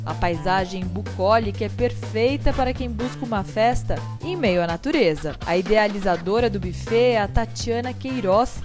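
A woman's voice: medium pitch, expressive, normal speed, hardly any pauses. A woman presenter with a Brazilian accent reading a polished, upbeat script for a TV program. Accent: Brazilian Portuguese. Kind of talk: scripted narration. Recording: narration over music.

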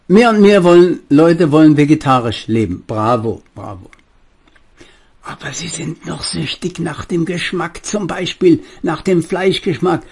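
An older man giving a preachy monologue, addressing his listeners fondly and speaking with a slightly husky voice. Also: sits high. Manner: preachy, lively, addresses listeners as "meine Lieben". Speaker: spiritual speaker and author.

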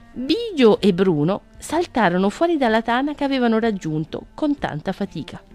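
A woman reading a children's picture book aloud on the radio, gentle and expressive. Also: mid-range voice. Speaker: children's story reader. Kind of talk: storybook reading.

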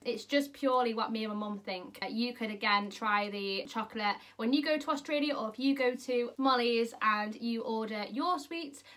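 A woman's voice: fairly high pitch, moderate pace, hardly any pauses, a bit bright. A young British woman with a British English accent hosting a casual, cheerful snack-tasting vlog from home. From United Kingdom. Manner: cheerful, upbeat, chatty. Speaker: YouTube vlogger host. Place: at home, indoors.

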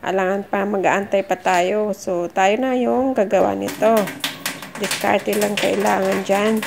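A chatty middle-aged woman with a gravelly edge to her voice, cheering her viewers on as she fixes a sink. She talks into a phone camera in a home kitchen, with faint noise in the background. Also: mid-range voice, steady tone, unhurried, darkish tone. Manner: chatty, encouraging, addresses viewers as guys. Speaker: vlogger. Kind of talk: casual how-to vlog.

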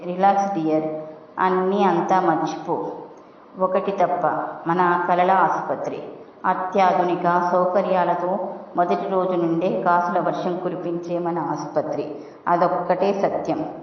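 A doctor's ambitious wife speaks in a soft, coaxing tone, as a woman reading a story puts her on. The voice sits low and sounds distant in a big reverberant hall, with a dull, muffled top end. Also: little pitch movement, unhurried, natural voice.

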